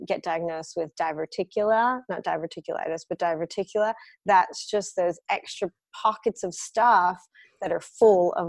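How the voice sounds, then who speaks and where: Speaking in a fairly low voice with no echo, a female guest raised in the United States describes her work as a colon hydrotherapist. She explains it plainly and practically in an interview, sprinkling her speech with many fillers.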